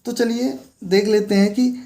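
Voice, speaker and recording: A man's voice: high voice, steady tone, normal speed, mellow. A man teaching an English grammar lesson, explaining patiently and repeating key words as he points things out on a board.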